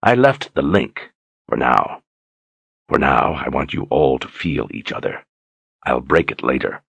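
A brutish, menacing male tyrant, put on by a man reading a storybook, speaks in a deep, grating voice dropped even lower than the narration. He taunts slowly and mockingly, savoring his power. The sound is dry and close, with no room around it. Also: vocal fry, breathy edge, no room sound, exaggerated voice. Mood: mocking menace. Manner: mocking, taunting, slow and deliberate.

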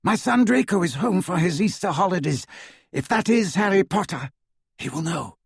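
A man's voice: high-pitched, lively intonation, normal speed, vocal fry, slightly rough, no room sound, clean studio sound, voice pushed up, full character voice. A man voicing a cold, haughty noblewoman who speaks curtly.

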